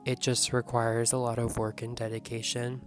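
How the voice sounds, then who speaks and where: A young woman vlogging casually, hoarse and coughing, rambling excitedly and swearing freely. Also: very deep voice, moderate pace. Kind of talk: casual vlog talk. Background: background music.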